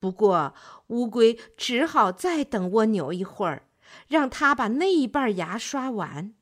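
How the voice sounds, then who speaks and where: A woman narrating a children's fairy tale in a gentle, expressive storyteller's manner. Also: fairly high pitch, measured pace.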